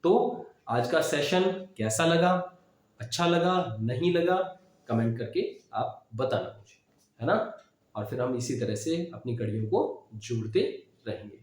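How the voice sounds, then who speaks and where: A man's voice: mid-range voice, animated, measured pace. A man teaching English vocabulary in Hindi, explaining words with memory tricks and checking in with "है ना?" as he goes. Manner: explains with mnemonics, frequent "है ना?" check-ins. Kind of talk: classroom-style vocabulary lesson. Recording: very echoey room.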